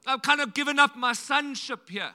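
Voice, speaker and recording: A man voicing a repentant young son in a retold parable, pleading in halting, stammering phrases. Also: very high voice, bright, forceful tone, voice pushed up, full character voice.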